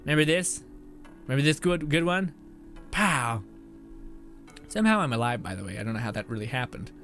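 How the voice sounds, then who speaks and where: A man's voice: mid-range voice, big pitch swings, brisk, fairly bright tone, soft background music. A young man streaming a game, chatting casually, laughing often and reading chat messages aloud. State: out of breath at times. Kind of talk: casual live-stream commentary.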